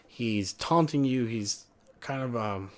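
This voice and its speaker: A man's voice: mid-range voice, slow pace. A young man giving a casual, profane, rambling game review, often correcting himself mid-sentence.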